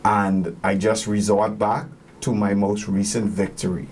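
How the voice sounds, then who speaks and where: A man, a music producer being interviewed, speaking earnestly and motivationally and pausing to find his words. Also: lowish voice, level tone, a little mellow, husky. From Bahamas. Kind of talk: reflective interview talk.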